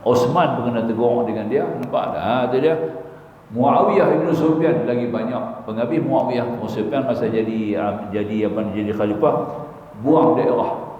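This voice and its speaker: A religious teacher delivers a lecture with humorous stories, often asking listeners whether they see his point. He speaks at a medium pitch and normal speed. The sound is dull and lo-fi, recorded in an echoey hall with faint hiss.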